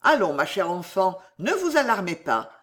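A woman reading aloud, voicing a kindly, portly old gentleman who is fussy and exclamatory. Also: mid-range voice, big pitch swings, moderate pace. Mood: flustered.

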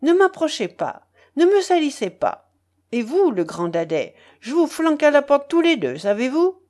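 A woman doing a shrill, excitable young Frenchwoman. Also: moderate pace. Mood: shrill scornful. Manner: shrill, exclamatory.

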